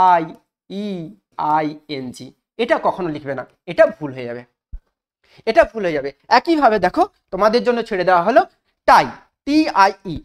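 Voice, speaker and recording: Lively, high-pitched woman teaching grammar. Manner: asks the class questions and repeats rules slowly for emphasis. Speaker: English teacher. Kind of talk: spoken grammar lesson.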